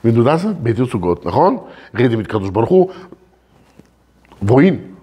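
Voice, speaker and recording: A man teaching a religious lesson as a rabbi, animated and often putting questions straight to his listeners. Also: mid-range voice, moderate pace, slightly rough, highs cut off. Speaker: rabbi teaching a Torah class.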